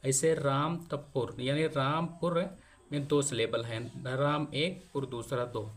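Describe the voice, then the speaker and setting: A man teaching how to spell names in English, explaining step by step as he writes, with pauses while he works. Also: medium pitch, steady tone. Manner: slow, explaining step by step while writing on a board. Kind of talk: spoken lesson on spelling Hindi names in English.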